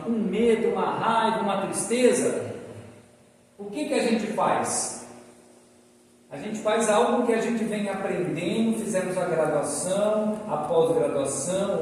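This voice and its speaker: A man giving a spiritual lecture, asking the audience questions and acting out short dialogues. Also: sits high. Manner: animated, asks the audience questions. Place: lecture hall. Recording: echoey hall, distant mic, faint ambience.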